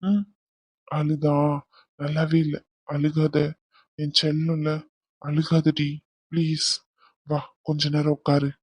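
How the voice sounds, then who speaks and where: A man voicing a doting young groom in a cartoon, soothing and coaxing his bride in a soft, teasing way. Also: on the high side, flat delivery, slow pace, pauses often, slightly rough, dry recording. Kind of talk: cartoon voice acting.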